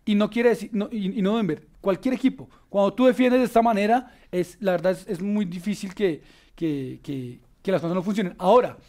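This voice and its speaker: A man with a Colombian accent hosting a casual basketball panel, enthusiastic and full of filler pauses. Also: high-pitched, dark tone. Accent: Colombian Spanish. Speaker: sports show host.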